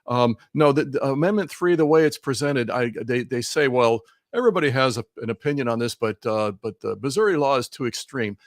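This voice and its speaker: A man's voice: mid-range voice, animated, brisk, few pauses, dry recording, clean studio sound. A man speaking as a remote guest over a video call, giving heated, emphatic political commentary and often repeating words. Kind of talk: talk show commentary. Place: Missouri.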